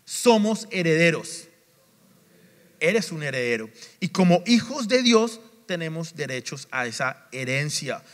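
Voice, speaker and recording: His pitch fairly high and swinging widely, a Latin American pastor delivers a sermon a little slowly. He is emphatic, repeats refrains and asks the congregation questions, and the sanctuary adds a long church reverb.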